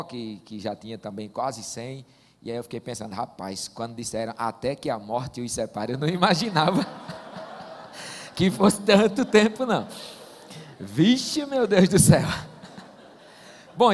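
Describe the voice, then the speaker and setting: A pastor in his forties from Northeast Brazil delivers a sermon in a church sanctuary, his voice sitting on the high side. He is a warm, joking storyteller full of folksy asides, and the recording carries a long church-hall reverb.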